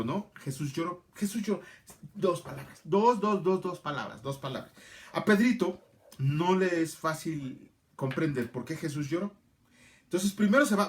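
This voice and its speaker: A middle-aged man, teaching a casual Bible class and answering viewers by name. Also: on the high side. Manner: chatty, answers viewer comments by name, repeats phrases.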